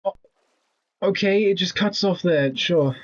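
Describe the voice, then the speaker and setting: A man's voice: high voice, unhurried, dull audio. A man in his twenties streaming a video game, talking casually with blunt, rambling commentary and casual swearing. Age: 20s.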